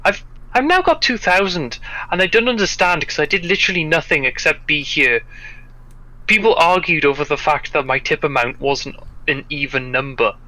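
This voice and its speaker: Bright-voiced Welsh man chatting. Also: on the high side, expressive, no room sound, rough recording. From Wales. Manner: sweary, joking, quick banter. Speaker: streamer. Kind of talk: casual stream chat.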